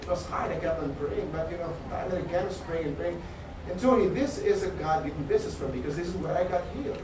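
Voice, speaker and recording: A man's voice: sits high, fast talker. A man with a Filipino accent telling his own success story, stammering and repeating words often. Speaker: speaker at a company event. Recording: echoey hall from far off, noisy.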